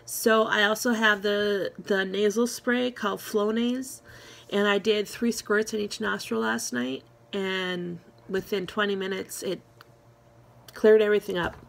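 A woman's voice: medium pitch, steady tone, unhurried, creaky. A woman talking casually to her viewers in a vlog, rambling with many fillers and restarts, friendly and encouraging. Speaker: vlogger. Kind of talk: casual chat to camera.

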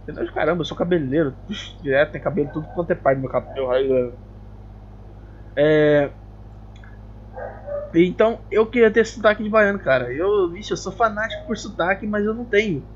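A young man from Paraná, Brazil, chatting casually over a game, excitable and joking, with a lot of swearing. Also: high voice, fairly quick, pauses often, slight background noise. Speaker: gaming YouTuber. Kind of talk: casual gameplay chat. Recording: dull lo-fi recording.

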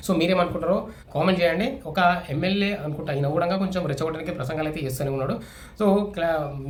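A man's voice: on the high side, darkish tone. A man giving casual, opinionated spoken news commentary, with many restarts and fillers. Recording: echoey room with faint ambient noise.

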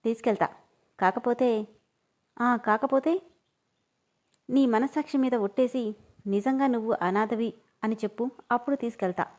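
A woman reading the part of a gruff, bossy young man in a storybook, with sharp, commanding lines. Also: fairly high pitch, normal speed, pauses often, natural voice. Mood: stern.

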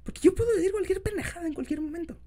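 A man's voice: very high-pitched, rapid-fire, mellow. A young man with a Mexican Spanish accent, chatting casually and affectionately in a rambling, improvised boyfriend ASMR style. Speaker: ASMR boyfriend-audio creator.

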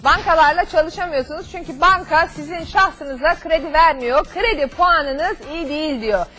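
High-voiced woman hosting, helpful customer service manner. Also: normal speed, bright, forceful tone. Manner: explanatory, with everyday examples and lists. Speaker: TV host giving financial advice to callers. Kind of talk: live call-in advice show, explaining conversationally. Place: TV studio at a desk. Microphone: lapel mic.

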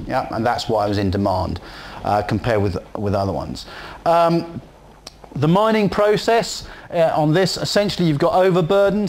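A medium-pitched male voice with a little hiss or hum in the background. He's a West Country Englishman giving a conference presentation in a hall, chatty and meandering, with frequent ums and asides.

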